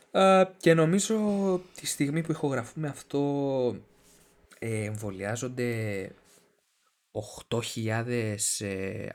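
A young man co-hosting a podcast in casual chat, joking and teasing his partner. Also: mid-range voice. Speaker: podcast co-host.

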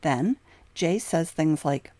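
Low-pitched woman narrator, emphatic scripted delivery, dry close sound. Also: lively intonation, slow pace, warm tone, no room sound. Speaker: true crime narrator.

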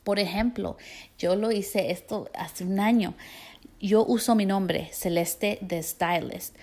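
Woman from california, creaky gravelly voice, casual advice vlog, chatty, slips words in. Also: mid-range voice, slow pace, darkish tone. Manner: chatty, mixes English words like "so" into Spanish. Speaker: stylist and social media creator. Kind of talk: casual advice talk to viewers.

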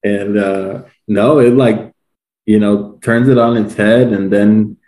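Male podcast co-host, mellow and laid-back, roomy echoey recording. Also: lowish voice, fairly even intonation, takes it slowly. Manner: laid-back, rambling with many fillers. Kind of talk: casual movie review chat.

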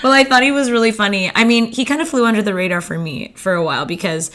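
A woman's voice: medium pitch, fast talker, a bit bright. A young woman from California, a podcast guest, chatting in a playful, teasing way. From California, USA. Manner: playful, teasing, laughs often. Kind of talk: casual chat.

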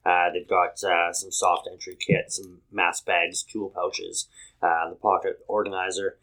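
A man's voice: low voice, little pitch movement, sharp tone, poor audio. A man co-hosting a podcast, talking casually through sponsor mentions with lots of ums and uhs. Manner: halting, many fillers, reads sponsor plugs. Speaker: podcast co-host.

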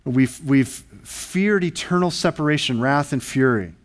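A man's voice: mid-range voice, expressive, unhurried. A male pastor preaching a sermon, earnest and emphatic, asking the congregation rhetorical questions.

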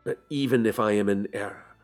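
A man's voice: lowish voice, fairly quick, soft background music, close to an everyday voice. A man voicing a desperate Victorian doctor. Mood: urgent pleading. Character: desperate Victorian male doctor, pleading urgently.

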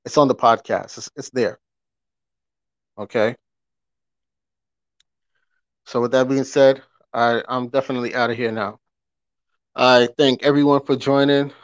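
A man's voice: medium pitch, steady tone, moderate pace, long pauses, no echo. A man hosting a podcast in a casual live-stream rant, emphatic, repeating his points and asking rhetorical questions. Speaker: podcast host. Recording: dry, dull lo-fi audio.

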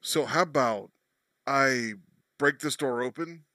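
A man talking casually as a tabletop game player over a bad internet voice call, his voice glitching and robotic with sudden pitch jumps. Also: takes it slowly, bright, forceful tone. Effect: glitchy robotic voice-call dropouts with pitch jumps. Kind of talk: casual online game chat.

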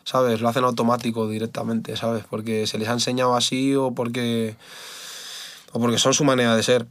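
Man, fighter guest, blunt casual talk, dry close sound, middle pitch. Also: little pitch movement, normal speed, a bit bright, no echo. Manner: candid and blunt, swears often, says "tío" and "¿sabes?" a lot. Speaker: MMA fighter, podcast guest.

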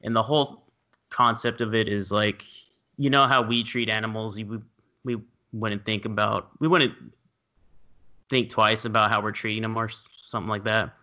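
A man co-hosting a casual podcast, relaxed and loosely searching for words as he describes films. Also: lowish voice, normal speed. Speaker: podcast co-host. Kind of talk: casual chat.

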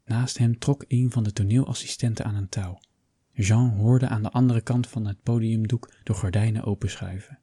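Low, husky male storyteller. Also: steady tone, moderate pace, warm tone, no room sound. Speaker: narrator. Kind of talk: scripted audiobook narration.

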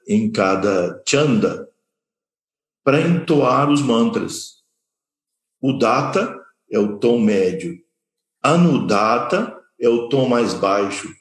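A man teaching a scripture study class, explaining terms slowly and repeating key words while pointing at slides. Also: mid-range voice. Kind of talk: slow explanatory lecture. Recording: echoey room.

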